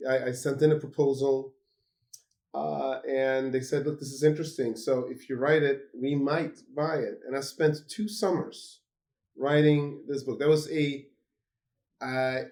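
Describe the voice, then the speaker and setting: Swedish-born male guest, lively and rambling, mid-range voice. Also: medium pitch, measured pace. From Sweden. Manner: animated, many fillers and restarts. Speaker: guest author. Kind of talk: phone interview. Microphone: phone call.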